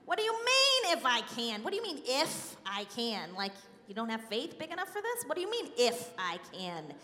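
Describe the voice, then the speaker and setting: A woman's voice: a little high, huge pitch swings, normal speed, crowd noise, pitched above the performer's own voice. A woman doing an exasperated, incredulous Jesus. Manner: incredulous, emphatic repetition. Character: exasperated Jesus, male, voiced like her Italian father. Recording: echoey hall, long reverb.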